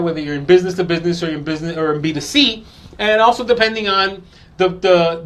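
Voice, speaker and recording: Male host, high voice, chatty, repeats himself; marketing how-to talk. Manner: conversational, repeats himself, many ums. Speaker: podcast host.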